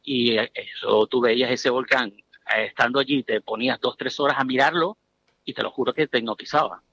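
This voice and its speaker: A man's voice: medium pitch, steady tone, fairly quick, a bit bright, husky, lo-fi sound. A middle-aged man from Venezuela, telling his story as a guest in a casual, emphatic interview chat.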